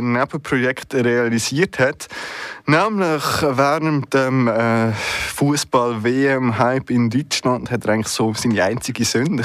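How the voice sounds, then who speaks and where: A man presenting a music radio show in a relaxed, chatty way, with hesitant fillers and self-corrections. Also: mid-range voice, no echo. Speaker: radio host.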